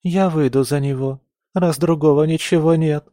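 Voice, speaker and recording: A man's voice: fairly high pitch, fairly even intonation, normal speed, mellow, no room sound, clean studio sound, voice pushed up, natural voice. A man voicing a frightened, tearful young noble daughter who pleads meekly, in an audiobook. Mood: pleading. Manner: sobbing, pleading, meek. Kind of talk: audiobook character voice.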